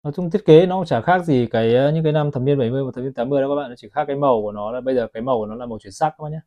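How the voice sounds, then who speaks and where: A man's voice: medium pitch, rapid-fire, mellow. A man selling watches, chatting to his viewers as he films a product review on his phone. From Vietnam. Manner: chatty, keeps addressing viewers as "các bác". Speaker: watch seller.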